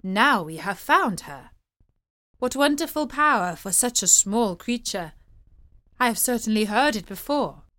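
A woman's voice: medium pitch, big pitch swings, a little slow, fairly bright tone. A woman voicing an eager, fawning young male courtier in a fairy tale reading. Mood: gushing.

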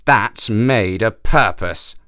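Man doing a stern, deliberate desert djinn. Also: fairly low pitch, pushed and bright, clean tone, no echo, clean studio sound. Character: stern magical male desert djinn, patient.

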